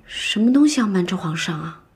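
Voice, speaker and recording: A young actress playing a spirited, outspoken young woman who talks briskly and teases in a period TV drama. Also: medium pitch, faint music behind, lightly acted. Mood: gentle. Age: young adult. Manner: brisk, lively and teasing. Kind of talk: dubbed TV drama dialogue.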